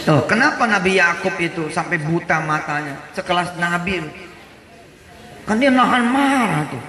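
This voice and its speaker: A man's voice: sits high, animated, normal speed, bright, forceful tone. A man in his forties giving a joking, casual sermon and acting out little quoted voices. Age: 40s. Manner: jokey, acts out short quoted voices. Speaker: preacher. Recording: roomy hall reverb, faint background noise.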